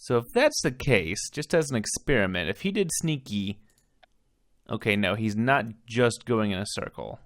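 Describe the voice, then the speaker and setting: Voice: medium pitch, expressive, moderate pace. A game player giving casual commentary, musing aloud in a wry way. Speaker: video game player narrating.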